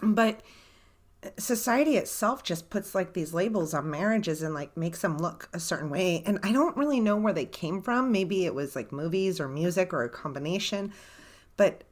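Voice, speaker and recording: A woman's voice: lowish voice, expressive, moderate pace. A woman in her forties from Southern California, co-hosting a podcast in casual chat, chatty and laughing often. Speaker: podcast co-host.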